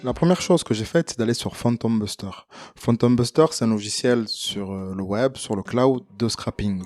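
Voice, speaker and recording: A man walking viewers through a casual screen-recording tutorial, chatty and relaxed with plenty of fillers and some self-deprecating humor. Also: lowish voice, normal speed, faint music behind. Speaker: tutorial creator.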